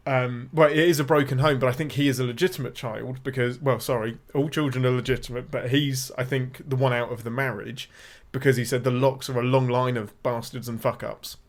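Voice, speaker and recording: A man's voice: mid-range voice, steady tone, fairly quick, hardly any pauses. An English man co-hosting a film podcast in casual chat, thinking aloud, hedging with "I think" and correcting himself as he goes. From England. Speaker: podcast co-host.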